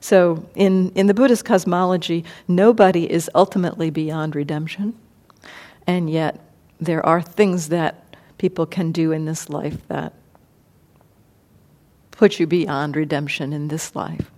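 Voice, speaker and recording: A woman meditation teacher giving a dharma talk, thoughtful and unhurried, pausing and restarting as she explains. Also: deep voice, steady tone, mellow. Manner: thoughtful, many fillers and restarts. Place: meditation hall.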